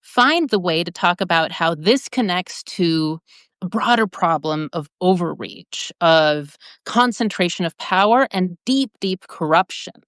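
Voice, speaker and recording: A woman's voice: fairly low pitch, expressive, measured pace, fairly bright tone, no echo, clean studio sound. A woman from Peru, a democracy advocate, speaking earnestly and urgently as a guest in a political discussion.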